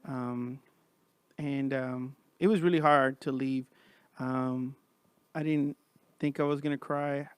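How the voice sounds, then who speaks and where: A man's voice: medium pitch, steady tone, slow, clean tone, dry recording. A man hosting a podcast in a casual, informal chat, talking like he's among his bros. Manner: informal, says man and bro often. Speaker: podcast host.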